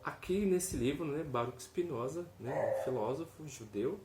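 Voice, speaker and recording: A man's voice: fairly high pitch, expressive, normal speed. A man giving a casual video lesson, explaining step by step, often checking in with "ok?" and sounding out each vowel aloud. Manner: explanatory, tag questions, demonstrates sounds aloud. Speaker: teacher. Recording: echoey room, faint noise.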